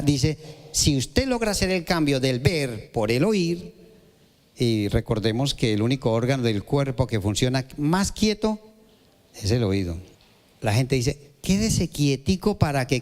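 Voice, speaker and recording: A Colombian man preaches a sermon to his congregation, his fairly high voice leaping up and down as he throws questions at his listeners. The sound carries a long reverb from the church hall. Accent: Colombian Spanish. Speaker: pastor.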